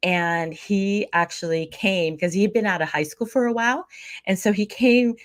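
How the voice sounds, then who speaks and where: This Pennsylvania woman, a thought leadership coach, talks at a moderate pace with medium pitch in a studio-quality recording with no room sound. She comes across as an upbeat interview guest who tends to repeat words, in a conversational exchange.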